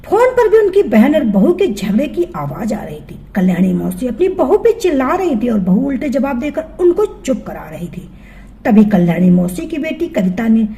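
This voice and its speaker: A woman telling a family story as scripted narration, in an expressive storytelling manner. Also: a little high.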